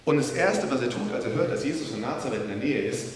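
A man preaching a sermon, telling the story in a lively, casual way and talking directly to his listeners. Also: medium pitch, fast talker. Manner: lively storytelling, addresses the audience, casual slang. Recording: echoey hall with faint hiss.

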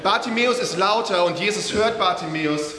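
A man preaching a sermon, telling the story in a lively, casual way and talking directly to his listeners. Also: high-pitched, a little fast, a crowd in the background. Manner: lively storytelling, addresses the audience, casual slang. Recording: echoey hall with faint hiss.

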